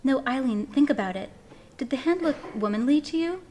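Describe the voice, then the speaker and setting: A woman's voice: high-pitched, expressive, fairly quick, a little mellow, slight background noise, voice pushed up. A woman reading aloud, voicing an anxious, earnest young man in a storybook tale, in a pleading, urgent manner. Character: anxious young Irish farm lad, earnest.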